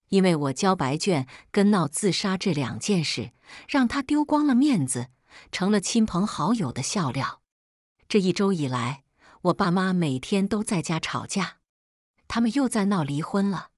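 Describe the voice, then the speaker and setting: A woman with a lowish voice tells a first-person story in a calm, even, scripted way. The sound is dry and close, with no room around it. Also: no room sound.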